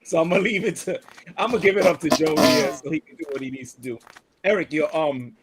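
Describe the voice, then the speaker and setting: A middle-aged man hosting a casual sports talk livestream, excitable and laughing, trash-talking and restarting his words. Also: fairly high pitch, fast, over a noisy crowd. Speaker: sports talk show host.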